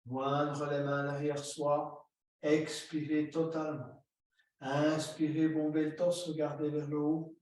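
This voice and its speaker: A man guides a yoga session with calm, unhurried instructions. His voice is mellow and sits a little high, with a flat, even delivery. It comes from a distance in a very echoey room. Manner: slow, calm step-by-step breathing cues. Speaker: yoga teacher.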